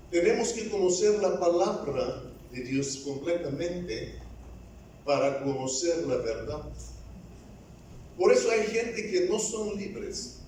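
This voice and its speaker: Slow, deliberate and slightly halting, this evangelist's sermon sounds like the work of a man still finding his way in the language. His voice is a little high and darkish. Heard from a distance, it echoes heavily through the church, with faint ambient noise underneath.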